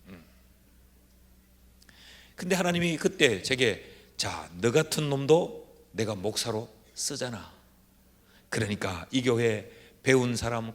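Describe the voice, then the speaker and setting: A middle-aged man, a pastor, preaching a revival sermon with folksy storytelling that swings from hushed asides to shouted exhortation, in a large church sanctuary. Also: medium pitch. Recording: reverberant church hall with faint room noise.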